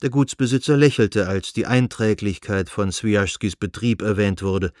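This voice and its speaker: A man narrating a classic novel as an audiobook in a measured, even reading style. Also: lowish voice, no echo, clean studio sound. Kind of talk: scripted narration.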